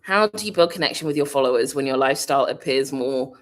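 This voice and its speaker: A British woman vlogging in a casual, rambling way, thinking out loud and laughing often. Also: a bass voice, lively intonation, quick pace. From Britain. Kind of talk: casual vlog chat.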